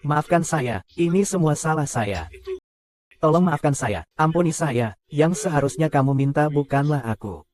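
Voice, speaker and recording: A man narrates a film recap and voices every character himself. His voice sits a little high. He reads all the lines in the same even way. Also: normal speed.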